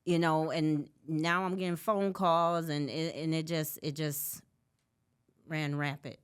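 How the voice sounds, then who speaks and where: A woman from Birmingham, Alabama, a podcast guest telling stories in a casual, animated way. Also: low voice, slow, clear, resonant tone. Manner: laughs easily, animated storytelling. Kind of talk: casual conversation.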